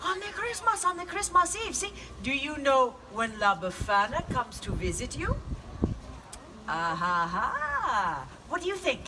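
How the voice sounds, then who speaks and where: A woman's voice: sits high, wildly swooping pitch, unhurried, recorded from a distance, background noise, exaggerated voice. A woman playing a kindly old Italian witch who brings gifts, with an Italian accent, telling a story to children and coaxing answers from them. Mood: storytelling. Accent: Italian (put on). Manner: theatrical, coaxing, asks the audience questions. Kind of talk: live in-character storytelling.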